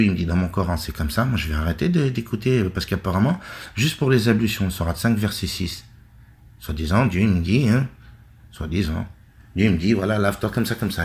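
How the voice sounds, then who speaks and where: A middle-aged man from France giving a blunt, rambling monologue with many asides. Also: fairly low pitch. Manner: blunt, conversational, full of asides and restarts. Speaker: online religious commentator. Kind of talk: casual monologue.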